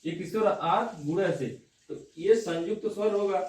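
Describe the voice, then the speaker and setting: High-voiced male teacher in an echoey classroom. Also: moderate pace, darkish tone. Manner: checks understanding with repeated "theek hai na?". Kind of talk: classroom lecture on Hindi grammar. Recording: echoey room, distant mic.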